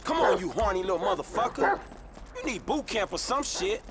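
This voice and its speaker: A man's voice: sits high, sing-song, a little fast, a loud crowd. An actor playing a streetwise young man in a video game, drawling and swearing as he bosses his dog around and scolds his partner. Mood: coaxing. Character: streetwise young male getaway driver, level-headed. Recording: video game dialogue with loud noise.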